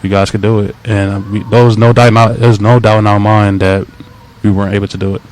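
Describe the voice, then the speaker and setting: A young man in his twenties, a college football player answering media questions in a halting, soft-spoken way with many fillers. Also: fairly low pitch, level tone. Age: 20s. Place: press availability.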